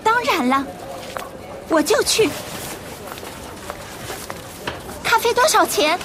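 Very high-pitched young heroine. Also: female voice, animated, a crowd in the background, background noise. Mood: urgent, alarmed. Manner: bewildered, breathless urgency with halting beginner French. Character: Eva, eager young heroine on an urgent secret mission. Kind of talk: language-learning radio drama. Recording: music behind the voice.

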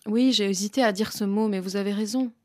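A woman in her forties, a Lebanese-born author, answering radio interview questions in a halting, emotional way. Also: mid-range voice, slight background noise. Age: 40s. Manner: hesitant, halting, emotional, laughs softly. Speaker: guest author and illustrator.

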